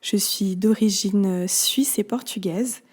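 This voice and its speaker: A woman's voice: medium pitch, slow pace, a little mellow, breathy edge. A woman in her twenties from Switzerland, a podcast guest who talks with many hesitations and fillers. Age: 20s. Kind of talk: conversational interview.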